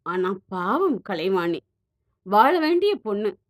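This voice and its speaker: A woman's voice: mid-range voice, sing-song, slow. A woman voicing a distressed young woman who blames herself tearfully in an audio story. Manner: tearful, self-blaming.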